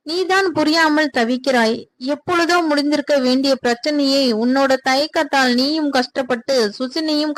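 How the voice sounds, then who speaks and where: Coaxing middle-aged mother, warmly firm, high voice, read by a woman storyteller. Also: no room sound, natural voice. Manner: coaxing, reassuring.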